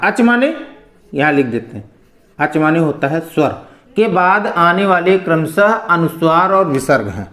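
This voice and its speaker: A man with a Hindi accent teaches an exam-prep grammar lesson, his voice sitting high. He explains patiently, poses questions and answers them himself, and checks in often with a quick "okay". The room adds a noticeable echo around him. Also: fairly bright tone. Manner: explanatory, repeats "ठीक है" and asks and answers his own questions.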